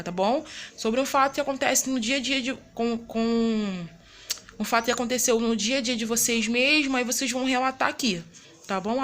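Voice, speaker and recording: A woman's voice: on the high side, fairly bright tone, a little hiss or hum. A Brazilian woman teacher in a recorded lesson, patiently explaining and repeating herself, checking in with her students over and over. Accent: Brazilian Portuguese. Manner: frequent tag questions like né and tá bom.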